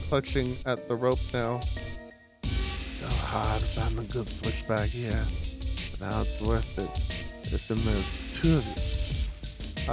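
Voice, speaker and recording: A man streaming a visual novel, reading the story aloud in a lowered voice with loud reactions. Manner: reads narration in a lowered voice, reacts with loud exclaims. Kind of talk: reading a story game aloud with chatty asides.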